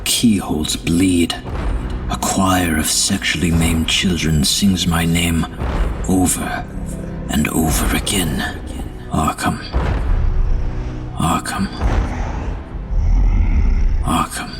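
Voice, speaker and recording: A male actor voices Amadeus Arkham, the haunted asylum founder, as a feverish, grim madman in a gothic audio drama, his very deep voice brooding beneath loud music. The delivery is theatrical, very slow and steady in tone, sinking into hushed whispers, haunted and despairing. It sounds recorded from a distance.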